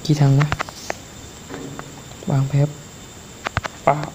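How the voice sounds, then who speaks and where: A young man giving casual, mumbled commentary as he plays a game, talking to himself in low-key asides. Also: drawn-out words. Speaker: gameplay channel host. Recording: faint background noise.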